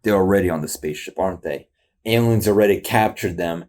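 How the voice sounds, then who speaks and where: A man in casual reaction commentary, rambling and slangy, excitable and poking fun at himself. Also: low voice, fast. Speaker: YouTube reactor.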